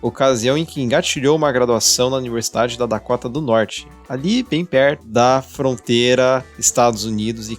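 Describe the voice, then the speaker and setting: A man from Brazil hosts a podcast and reads his introduction in a measured, formal delivery. His pitch sits mid-range for a man. Faint music plays underneath. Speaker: podcast host. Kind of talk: scripted podcast intro and interview.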